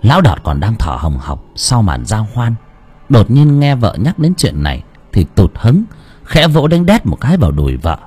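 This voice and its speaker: A male audiobook narrator with a mellow, slightly husky voice. His delivery is expressive, with wide swings in pitch, and faint music plays behind him. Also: normal speed. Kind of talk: storytelling narration.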